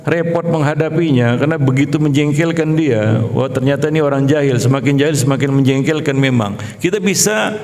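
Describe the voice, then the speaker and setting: A man's voice: fairly high pitch, brisk. Conversational male preacher in reverberant hall. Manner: conversational, asks the audience questions; lively, jokes and laughs with the audience. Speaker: Islamic preacher. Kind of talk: mosque study sermon to women. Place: mosque.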